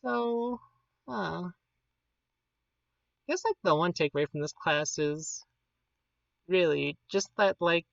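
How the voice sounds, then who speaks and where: A woman's voice: on the low side, animated, slow, creaky, pauses often, no echo, muffled recording. A woman with a Pittsburgh accent chatting casually and informally on a livestream, rambling as she teaches an informal class. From Pittsburgh, United States.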